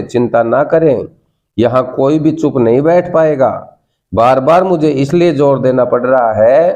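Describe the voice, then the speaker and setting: Man, Indian accent, English teacher, mellow tone, coaxing, repeats prompts. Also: medium pitch. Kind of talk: classroom lesson.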